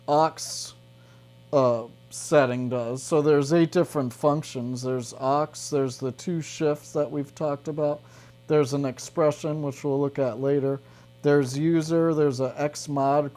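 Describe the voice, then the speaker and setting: In an informal demo, a man walks through a guitar effects pedal step by step, his mid-range voice carrying a darkish tone. He keeps checking in with the listener, dropping "right" and "okay" as he goes.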